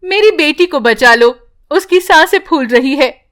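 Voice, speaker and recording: A woman voicing a poor, protective village mother in an animated bedtime story, urging and soothing by turns. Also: sits high, unhurried. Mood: urgent.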